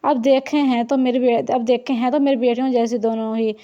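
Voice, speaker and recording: A woman's voice: a little high, level tone, brisk, warm tone, muffled recording, close to an everyday voice. A woman voicing a scheming, showy middle-aged aunt in an audiobook reading. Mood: boastful. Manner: showy, self-praising.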